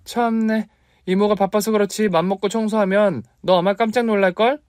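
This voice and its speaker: An emotional young aunt, as a man puts her on, her voice lifted well above the reader's own register. She is earnest and expressive, swinging between pleading and fond teasing. The voice is recorded close and dry. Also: fairly high pitch, normal speed, no room sound, voice pushed up, lightly acted. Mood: playful bickering. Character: young woman, devoted aunt raising her nephew. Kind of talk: dramatized story reading.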